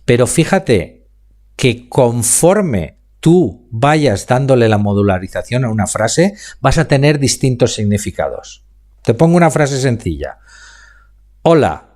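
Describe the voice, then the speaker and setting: A man's voice: medium pitch, sing-song, darkish tone. Spanish man coaching public speaking live. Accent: Spain Spanish. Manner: explanatory, slows down to demonstrate pauses and emphasis. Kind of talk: live online class answering chat questions.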